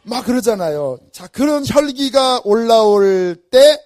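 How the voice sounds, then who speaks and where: A man's voice: extremely high pitch, expressive, a little slow, a little mellow. A male pastor preaching an early-morning sermon, telling stories animatedly and acting out his own inner reactions.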